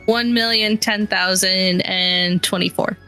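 A woman's voice: medium pitch, fairly even intonation, takes it slowly, bright, forceful tone, clear, resonant tone, rough recording. A woman plays a tabletop game, chatting casually with the group. She takes her time over her words, and faint music runs behind her. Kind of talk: casual play chat.

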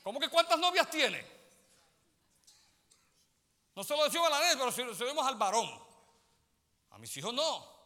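A man preaching, his voice high, bright and swinging widely in pitch. He keeps turning to the congregation with direct questions. The sound carries a long church-hall reverb. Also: normal speed, long pauses. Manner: animated preaching, often calls listeners "brother" and checks they follow. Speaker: pastor. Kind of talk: sermon. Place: church sanctuary.

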